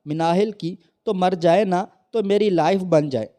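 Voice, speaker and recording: A man's voice: sits high, measured pace, dark tone, voice pushed up. A man voicing a cruel, abusive husband who snarls harsh insults in a read-aloud story.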